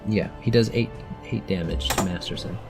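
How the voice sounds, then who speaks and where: A man's voice: sits low, moderate pace, creaky, loud music behind the voice. Patient father running a tabletop game. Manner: patient, explains rules, many fillers. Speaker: game master. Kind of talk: narrating a tabletop game for a child.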